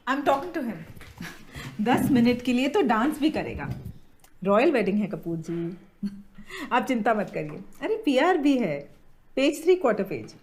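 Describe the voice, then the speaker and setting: A middle-aged woman acting as a busy mother, briskly reassuring people on the phone. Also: high-pitched, a little mellow. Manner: brisk, reassuring phone talk, Hindi-English mix. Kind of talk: film dialogue.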